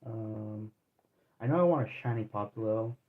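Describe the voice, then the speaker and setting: The recording has a tinny, phone-like quality as a man in his twenties talks casually to viewers while playing a game. He speaks on the low side at a measured pace, rambling and laid-back, with frequent slang and restarts.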